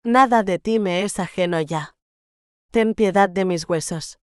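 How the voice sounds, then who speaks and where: A woman reading the part of a young gentleman in love, speaking low and husky, soft and teasing. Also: a little slow, no room sound, clean studio sound, close to an everyday voice. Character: young English gentleman, devoted tender husband.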